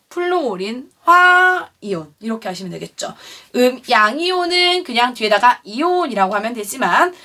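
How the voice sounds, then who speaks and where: A woman teaches a chemistry class in a bright, animated voice that swings up and down. She keeps asking the room questions and then answers them herself, patiently. She sounds a little off-mic, as if picked up from across a classroom. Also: fairly high pitch, distant mic. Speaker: science teacher. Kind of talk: classroom lecture.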